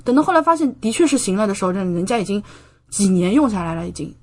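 A very animated, quick-paced woman with a mid-range voice is interviewed on a podcast. Originally from China and now a medical doctoral student in Japan, she chats casually, explaining at length and giving many examples.

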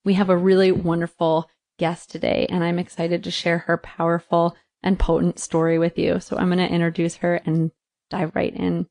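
Female podcast host. Slightly low register, intimate and contemplative, spiritual phrasing delivered in short thoughtful pieces. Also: completely flat delivery, normal speed, a little mellow. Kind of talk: intimate spoken podcast monologue.

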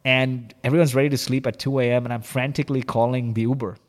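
Male interview guest, founder, candid animated storyteller, mid pitch, long reverberant hall. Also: fast talker. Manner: animated, confessional, heavy use of "like" and "you know".

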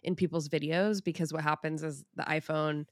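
Low-voiced woman chatting excitedly. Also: normal speed, dry recording, studio quality. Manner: excited, chatty, laughs often. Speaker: podcast host. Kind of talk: casual chat.

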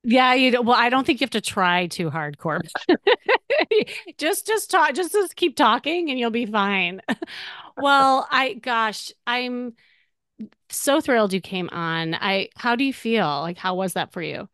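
A woman's voice: fairly high pitch, very animated, a little slow, a bit bright, no room sound, studio quality. A woman hosting a dating-coaching podcast, upbeat and encouraging, often laughing as she talks. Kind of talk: warm encouraging coaching chat.

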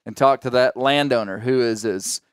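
Smooth-voiced Ozark Southern man. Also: mid-range voice, normal speed, no room sound, clean studio sound. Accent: Arkansas Ozark Southern. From Arkansas. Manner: storytelling, musing aloud. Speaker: podcast host. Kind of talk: casual podcast chat.

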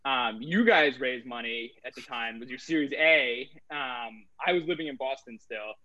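A man's voice: mid-range voice, moderate pace, pushed and bright, no room sound. Rambling man with filler-heavy talk. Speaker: guest, crypto trader. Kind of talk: casual interview talk. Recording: dull, slightly lo-fi dry sound.

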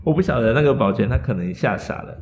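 A man's voice: medium pitch, expressive, fast, a little mellow. A man with a Taiwanese Mandarin accent telling a story in a casual podcast chat, playful and joking, acting out quoted lines. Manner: playful, acts out quotes with punny jokes.

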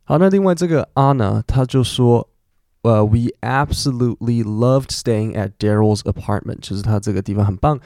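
A man's voice: mid-range voice, moderate pace, mellow, no room sound, clean studio sound. A man, hosting a casual podcast lesson and explaining English words in a chatty way full of fillers. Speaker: podcast host and English teacher.

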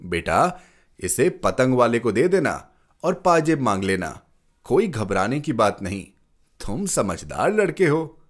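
A man's voice: mid-range voice, very animated, a little slow. A man voicing a stern, impatient father who scolds and gives orders to his son and the household. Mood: coaxing. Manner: scolding, commanding.

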